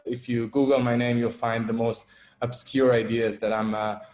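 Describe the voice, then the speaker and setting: Young man from Israel, guest speaker, halting delivery full of fillers, mid-pitched voice, echoey room. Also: level tone, a little mellow. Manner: hesitant, many fillers and restarts. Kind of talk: online talk.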